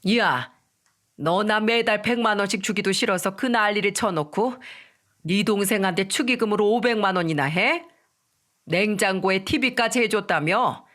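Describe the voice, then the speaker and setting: A woman voicing a furious, bullying older mother-in-law who scolds in a shrill, raised voice. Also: bright, forceful tone, full character voice.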